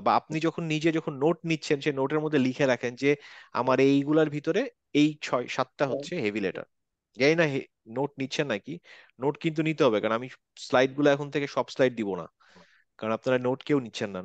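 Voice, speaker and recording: A man's voice: mid-range voice, no echo, muffled recording. A man teaching a Quran recitation class online, explaining and repeating letter sounds patiently, mixing English words into his talk.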